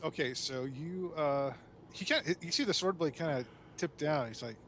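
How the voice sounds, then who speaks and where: A man's voice: a little high, normal speed, fairly bright tone, a little hiss or hum. A man running a tabletop game as game master, narrating with frequent hesitations. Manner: hesitant, with frequent fillers and restarts.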